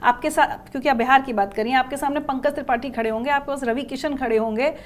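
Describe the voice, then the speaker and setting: A woman's voice: sits high, fairly even intonation, fast talker. A woman hosting a panel discussion, making her points with pointed rhetorical questions. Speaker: host.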